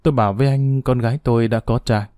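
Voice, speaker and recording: Male story narrator, warm dark tone, dead-dry studio read. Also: medium pitch, fairly even intonation, fast talker, no room sound. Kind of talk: scripted narration.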